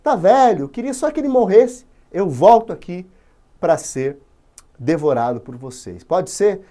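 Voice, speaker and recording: A man's voice: high-pitched, very animated, a little slow, mellow. A man with a Brazilian accent voicing a tearful young captive warrior who pleads in casual slang. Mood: pleading.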